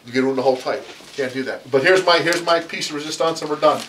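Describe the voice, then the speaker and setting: A middle-aged pastor teaches a small Bible study with lively emphasis, his voice pitched a little high. He is picked up by a camera mic from across the room, with faint background noise. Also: quick pace, distant mic, low-quality recording. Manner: animated, gestures while teaching at a lectern. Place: small church room with bookshelves. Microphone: far camera.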